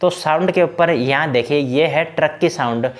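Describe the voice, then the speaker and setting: A man's voice: on the high side, moderate pace, very noisy. A man giving a casual, chatty walkthrough of a truck driving game's settings, talking the viewer through each option. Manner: chatty, repeats fillers like "na" and "bhai". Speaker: game tutorial creator. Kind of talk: casual screen-recorded game walkthrough.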